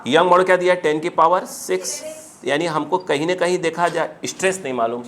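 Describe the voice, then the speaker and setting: A physics teacher lecturing a class, slowly dictating questions and then explaining in a quick, chatty way. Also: male voice, fairly high pitch, fairly even intonation, fairly bright tone.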